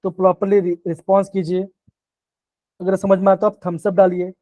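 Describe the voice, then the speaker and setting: A man's voice: high voice, flat delivery, brisk, warm tone, no room sound. A man teaching chemistry in a live online class, explaining step by step, repeating himself and often checking that the students follow. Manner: coaxing, keeps checking in with the class.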